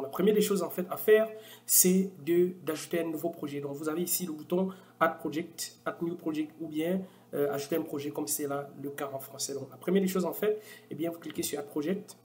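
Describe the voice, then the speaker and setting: Hesitant man giving a software demo. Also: a little high, a little hiss or hum. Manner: hesitant, many fillers and restarts. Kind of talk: casual screen-recorded tutorial.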